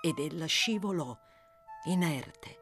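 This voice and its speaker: A woman narrating a classic novel as an audiobook, in a measured, expressive storytelling voice. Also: sits low, soft background music.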